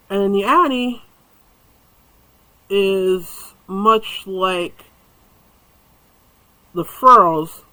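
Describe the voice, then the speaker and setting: Bright-voiced chatty man crocheting on camera. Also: high voice, poor audio. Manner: chatty, rambling, with muttered asides to himself. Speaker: crochet YouTuber reviewing hooks. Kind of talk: casual chat while crocheting on camera.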